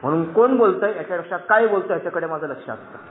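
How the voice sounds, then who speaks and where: A man's voice: sits high, animated, rapid-fire, slight background noise. A man in his thirties from Maharashtra giving an earnest, emphatic personal testimony to a meeting from a dais, often calling out to his friends. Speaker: recovery meeting speaker. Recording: echoey, tinny phone-like recording.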